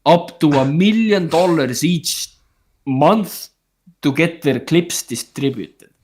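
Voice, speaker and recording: A male guest on a casual group video call, native language Estonian, has a high-ish, darkish voice and talks slowly, with a slight hiss or hum in the audio. He rambles through stories, speaking bluntly and cursing freely.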